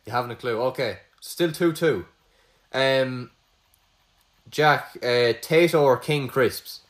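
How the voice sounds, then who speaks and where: Irish male quiz host, mid pitch, crude joking banter. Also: takes it slowly. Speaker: quizmaster host. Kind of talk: casual podcast quiz.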